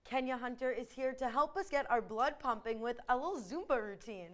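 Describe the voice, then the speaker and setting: A young woman with a slightly high voice hosts a morning show. She chats casually in a bubbly, friendly way. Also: brisk, a bit bright. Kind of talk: casual studio chat.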